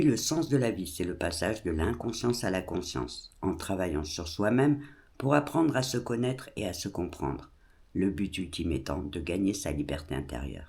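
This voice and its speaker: A man with a very low, gravelly voice speaks in an intimate, hushed murmur. He delivers a scripted, soothing bedtime monologue, gently, as if to one listener. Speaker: host of a short bedtime self-reflection series.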